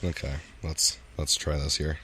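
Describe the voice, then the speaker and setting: A man's voice: rumbling low, flat delivery, a little slow, noisy background. A man hosting a podcast outdoors on a patio, chatting casually and rambling, often restarting his sentences. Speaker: podcast host. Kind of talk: casual chat.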